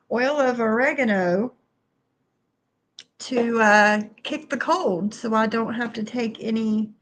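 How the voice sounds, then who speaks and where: A middle-aged woman with a somewhat high, fairly bright voice and a stuffy nose chats casually on a home livestream. She greets viewers by name as the broadcast moves from her bedroom to the kitchen.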